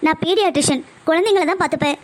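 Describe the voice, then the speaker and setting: A woman voicing a busy female doctor in a cartoon, talking in a brisk, commanding but reassuring way. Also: extremely high pitch. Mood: stern reassurance. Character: calm, firm female doctor, a busy pediatrician. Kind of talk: cartoon voice acting.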